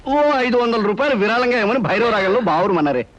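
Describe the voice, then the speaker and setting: A man's voice: high-pitched, lively intonation, fast, highs cut off. An actor playing a pompous, miserly male musician and father in a film comedy. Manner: pompous and evasive.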